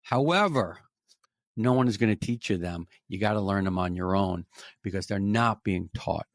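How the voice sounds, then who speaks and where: As a podcast guest in a conversational interview, a middle-aged sales trainer with a New York accent coaches emphatically and keeps repeating key phrases. His voice sits low at normal speed, in clean studio sound with no room sound.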